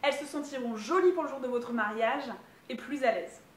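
In an echoey room, a woman with a high, brisk voice gives upbeat tutorial advice. She's a wedding planner speaking directly to the camera.

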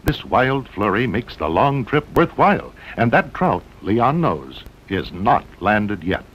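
Taking his time, this American narrator of a 1960s promo documentary speaks with big pitch swings and a fairly bright, breathy-edged voice. His delivery is dramatic, built from short punchy phrases, and the soundtrack is muffled and rumbly like old film.

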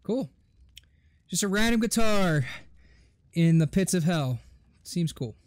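A man's voice: sits high, expressive, slow pace, a little mellow, no room sound, studio quality. Sarcastic young man doing gameplay commentary. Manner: joking, sarcastic running commentary. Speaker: gaming host. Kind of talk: let's play commentary. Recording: faint game music behind.

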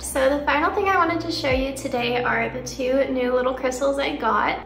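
Young woman vlogging, high gravelly voice, excited and chatty, faint music under it. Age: young adult. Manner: chatty, upbeat, enthusiastic. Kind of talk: casual home-tour vlog. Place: rooms of a home, later a parked car.

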